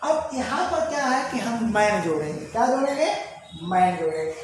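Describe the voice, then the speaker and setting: A man's voice: extremely high pitch, expressive, moderate pace. A man teaching a grammar lesson, asking short questions and answering them himself, repeating each answer. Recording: echoey room, distant mic, background noise.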